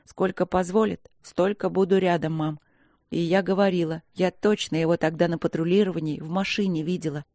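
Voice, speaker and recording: A reader voicing a quiet, restrained woman army captain who answers her mother calmly and firmly, in an audiobook. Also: mid-range voice, a little fast, dry recording, clean studio sound, natural voice.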